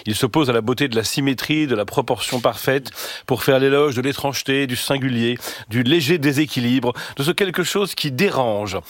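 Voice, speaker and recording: A man's voice: medium pitch, normal speed, no room sound. A man giving a radio philosophy column, answering a listener's question in a thoughtful, explanatory way with small hesitations. He speaks from a radio studio.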